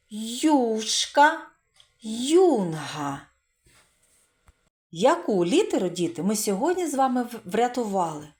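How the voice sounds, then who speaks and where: A woman's voice: medium pitch, a little mellow. A woman teaching preschoolers a letter, encouraging them with praise and drawing out sounds and syllables for them to repeat. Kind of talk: slow, expressive children's literacy lesson.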